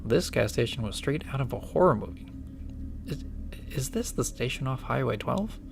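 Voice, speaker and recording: A man's voice: medium pitch, expressive, moderate pace, creaky, background noise. A man playing a nervous, deferential young apprentice investigator in an audio drama, hesitant and apologetic. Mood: hesitant, reporting.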